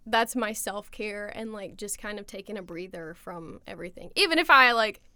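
A woman's voice: medium pitch, normal speed, pushed and bright, clean tone, dry recording, clean studio sound. A young woman co-hosting a college podcast in casual chat, giggly and self-deprecating, with lots of filler words. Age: young adult. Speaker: podcast co-host, college student.

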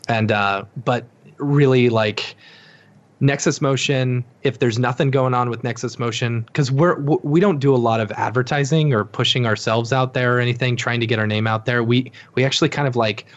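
A young man talking casually as a podcast guest, wandering through his thoughts with lots of fillers and false starts. His voice sits at an ordinary middle pitch. The recording sounds a bit dull and lo-fi. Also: steady tone, moderate pace. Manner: rambling, full of fillers and restarts. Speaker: guest, company co-founder.

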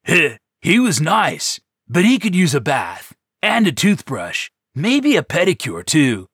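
A man puts on a goofy, carefree adventurer with a raised, bouncy, lively voice and easy slang. He sounds loose and playful, recorded dry. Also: a little high, unhurried, breathy edge, dry recording, voice pushed up, exaggerated voice. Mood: joking. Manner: loose, jokey, laid-back slang. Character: carefree joking young male adventurer.

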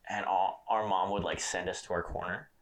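A man's voice: low voice, steady tone, moderate pace, vocal fry. A young man telling a childhood story in casual podcast chat, laughing often and full of fillers.

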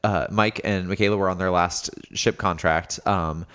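A man's voice: deep voice, steady tone, moderate pace, fairly bright tone. A man hosting a podcast in a casual, joking chat, laughing often. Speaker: podcast host.

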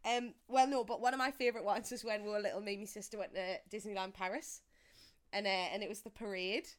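A woman's voice: medium pitch, fairly even intonation, fast talker. A young woman, casually telling childhood stories and often laughing mid-sentence. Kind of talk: casual chat.

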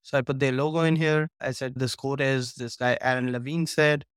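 Here a man with a mid-range, steady, clear and resonant voice talks briskly as a guest course creator on a video call. In this casual interview chat he eagerly takes listeners through his material step by step, with clean studio sound and no room sound.

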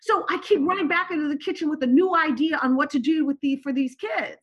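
The sound is lo-fi as a woman with a high voice talks fast, relating personal stories while guesting on a podcast. Her first language is Turkish, and she animatedly punctuates her sentences with "right?"

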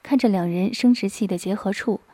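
A woman reading a story aloud in a soft, breathy half-whisper, close to the microphone. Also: mid-range voice, fairly quick, dry recording. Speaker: narrator.

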